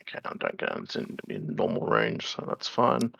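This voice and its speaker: Deep, gravelly man playing a tabletop game. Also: big pitch swings, a little fast, fairly bright tone, no echo, muffled recording. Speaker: player. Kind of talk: casual game chat.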